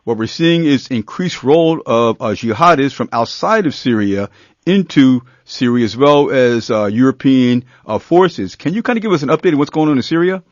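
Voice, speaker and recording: A man hosting a live radio talk show, introducing a guest in a relaxed, hesitant way with many fillers. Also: mid-range voice, moderate pace, dry recording, highs cut off.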